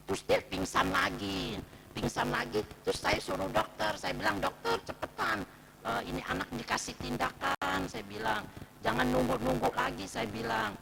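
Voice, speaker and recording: A woman giving a personal testimony at a fellowship meeting, retelling events by quoting herself and others and repeating "I said" again and again. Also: mid-range voice. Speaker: speaker sharing a testimony at a morning fellowship. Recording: clear background noise.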